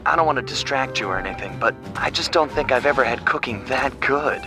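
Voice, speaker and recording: A man's voice: mid-range voice, animated, fairly quick, lightly acted. An actor playing a big, dreamy male hippo in a video game, wondering aloud, in a distant game clip with music. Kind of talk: video game cutscene acting.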